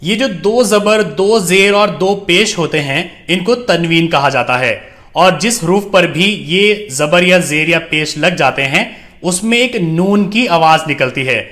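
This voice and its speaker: A man teaching Quran reading, drilling letters one by one in slow, drawn-out recitation. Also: sits high, animated, pushed and bright. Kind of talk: recited alphabet lesson.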